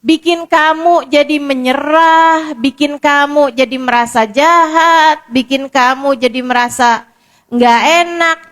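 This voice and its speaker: A woman's voice: high voice, unhurried, fairly bright tone. A woman preacher giving a casual, conversational sermon, full of repetition and rhetorical questions. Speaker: Islamic preacher.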